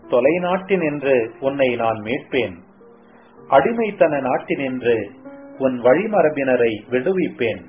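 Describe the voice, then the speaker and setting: Divine male voice of the Lord, read by a man, solemn and very slow, tinny sound. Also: mid-range voice, expressive. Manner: slow solemn scripture reading. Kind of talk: devotional scripture reading. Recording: tinny phone-like sound, faint music.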